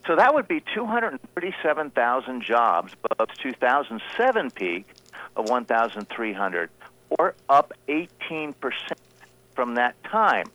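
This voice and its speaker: A man's voice: medium pitch, sing-song, a little slow, fairly bright tone, no echo, rough recording. A man, a guest banker chatting casually about the regional economy on morning radio, joking and stumbling over numbers.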